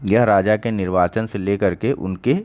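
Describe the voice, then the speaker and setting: Low-voiced man teaching an exam lesson. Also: fairly even intonation, moderate pace, darkish tone. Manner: conversational, repeats key answers, checks understanding with "ठीक". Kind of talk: online exam-prep lecture.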